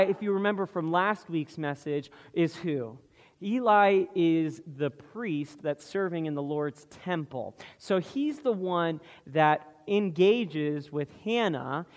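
A man preaching a sermon as pastor, slow and deliberate, asking the congregation questions. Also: fairly high pitch. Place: church sanctuary. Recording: long reverb of a large hall.

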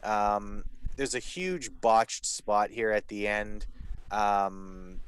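A man's voice: on the low side, drawn-out words, clean tone. Sardonic, sweary male podcast host. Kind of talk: casual profane wrestling show commentary.

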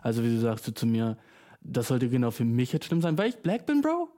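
A young man from Germany talks straight into his microphone for a casual solo podcast. His speech is slangy and full of English words, and he bursts into lively, excited stretches. His voice has a mellow, warm, relaxed tone. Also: medium pitch, fairly quick. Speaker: podcast host. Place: small room, speaking into a microphone.

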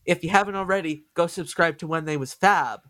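A man hosting a podcast, chatting casually with a nasal voice and excitable, stumbling delivery. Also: a little high, a little fast, dry recording, studio quality. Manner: excitable, stumbling over words. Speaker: podcast host.

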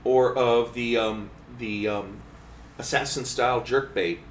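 A man's voice: medium pitch, steady tone. Man explaining gear in an echoey hall. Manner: explanatory, pauses often with um. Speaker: fishing magazine editor. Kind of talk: casual live-streamed conversation. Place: fishing trade show floor. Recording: echoey, distant mic, faint ambient noise.

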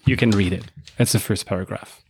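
A man in a casual group chat, talking in a hesitant, halting way with many fillers. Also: lowish voice, fairly even intonation, a crowd in the background. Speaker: guest.

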